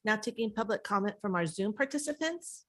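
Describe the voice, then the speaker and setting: Female clerk, brisk pace, mid-range pitch, matter-of-fact procedural announcements. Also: animated, fairly bright tone. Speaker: meeting clerk.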